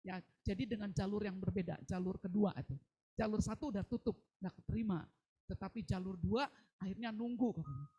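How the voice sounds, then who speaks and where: A woman's voice: medium pitch, a little fast, mellow, husky, lo-fi sound. Storytelling woman pastor preaching. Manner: storytelling, quoting people in changing voices. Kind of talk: sermon over a live video call.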